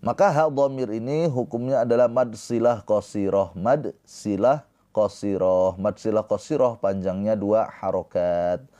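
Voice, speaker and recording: Calm guy teaching quran reading real slow, warm smooth voice, stops to chant bits of verse. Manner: explains rules patiently, then chants verse phrases slowly and higher. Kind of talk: slow tajwid lesson with recited verses. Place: live-streamed lesson.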